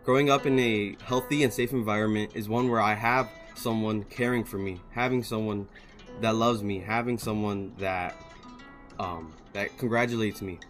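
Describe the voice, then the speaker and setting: A man's voice: fairly low pitch, fairly even intonation, normal speed. A young man giving a sincere personal testimony in a video, repeating his phrases. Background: soft guitar music.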